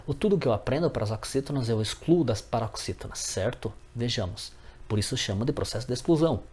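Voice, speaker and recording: A man's voice: mid-range voice, lively intonation, fast talker, darkish tone, breathy edge. A man teaching a grammar lesson, often checking in with his viewers as friends.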